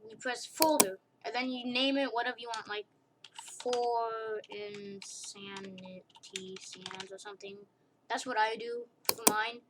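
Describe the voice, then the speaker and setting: A woman's voice: fairly high pitch, fairly even intonation, moderate pace. A young woman casually talking through a screen-recorded drawing tutorial, rambling, correcting herself and giggling at her own asides. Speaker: tutorial maker. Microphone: computer mic during screen recording. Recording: loud hiss with keyboard and mouse clicks.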